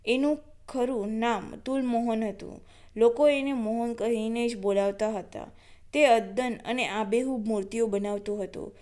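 Lady teacher reading workbook answers, steady, numbers every item. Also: on the high side, a little slow.

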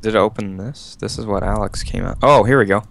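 Creaky-voiced man reading game text. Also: fairly low pitch, brisk, a bit bright, a little hiss or hum. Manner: reads in-game text aloud in a dramatic voice. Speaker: game player. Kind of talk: casual gaming chat.

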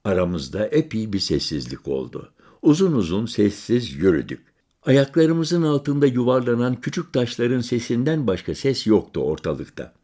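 Calm man reading an audiobook. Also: medium pitch. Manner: calm, measured, lingering on lists. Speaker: audiobook narrator. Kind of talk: first-person literary audiobook narration.

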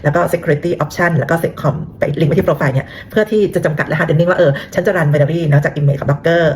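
A woman's voice: sits low, steady tone, moderate pace, darkish tone, slight background noise. A woman casually explaining a technical topic in a chatty way, with lots of fillers and rhetorical questions to her listeners. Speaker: cybersecurity talk host.

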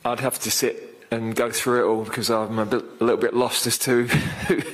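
Speaking into a desk mic after the match, this manager in his fifties answers the press with careful, considered words, often pausing with fillers and starting over. His pitch is medium and his delivery flat.

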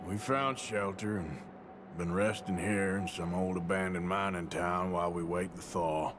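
A man's voice: low voice, fairly even intonation, moderate pace, background noise, close to an everyday voice. An actor playing a rugged, terse American outlaw in his thirties in a western video game, with a dry, laconic manner. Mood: weary narration.

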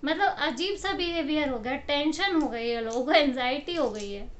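A woman's voice: high-pitched, moderate pace, dull audio. A woman giving a casual motivational talk straight to camera, telling everyday stories and acting out what people say, often laughing. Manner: animated storytelling, acts out quotes, laughs often. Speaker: motivational speaker. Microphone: camera mic.

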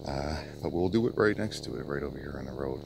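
A man in his thirties hosting a paranormal investigation vlog outdoors at night, putting hushed, deliberate questions and remarks to spirits and viewers. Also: extremely low pitch, animated, gravelly. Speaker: ghost-hunting video host. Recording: noisy handheld night recording outdoors.

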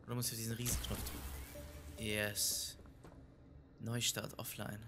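A man commenting on a horror game as he plays it. He gets excitable, repeats himself a lot, and swings between shouting and quiet muttering. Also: on the low side, measured pace, noisy background. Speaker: let's player. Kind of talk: live gaming commentary.

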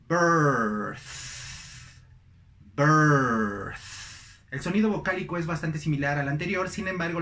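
A man's voice: fairly high pitch, reverberant. A young man teaching English pronunciation, repeating each word several times with stress. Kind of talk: slow, deliberate pronunciation lesson.

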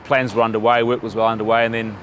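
A man's voice: fairly low pitch, little pitch movement, fast talker, a bit bright. A man, a staff member at a brew bar, speaks upbeat in a documentary interview and reels off lists. A faint hum sits behind him.

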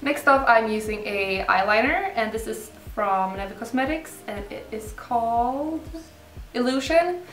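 A young woman gives a relaxed, informal makeup tutorial in a roomy indoor space. Her voice sits a little high, and she explains each step casually and without hurry. Soft music plays behind her. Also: a little slow. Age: young adult. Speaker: beauty vlogger. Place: indoor room set up for filming, backdrop. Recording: roomy, slightly distant mic, music behind.

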